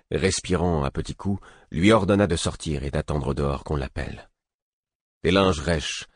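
Low, husky man narrating first-person fiction, expressive and dry. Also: dry recording. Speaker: audiobook narrator.

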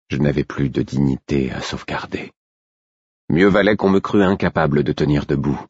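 A man reading a first-person story aloud in a measured, grave narration. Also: very deep voice, breathy edge, dry recording. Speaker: audiobook narrator. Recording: dry, slightly dull recording.

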